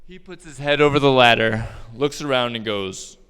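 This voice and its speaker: A man's voice: medium pitch, normal speed, fairly bright tone, clear, resonant tone. A man telling a personal story about his roofing work on stage, casual and joking, with many fillers. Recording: long hall reverb.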